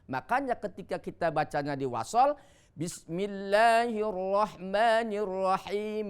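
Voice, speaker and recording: Male Quran teacher on TV, smooth clear voice, patient explainer. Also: on the high side. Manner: explains patiently, chants Arabic verses slowly. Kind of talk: televised Quran reading lesson. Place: TV studio.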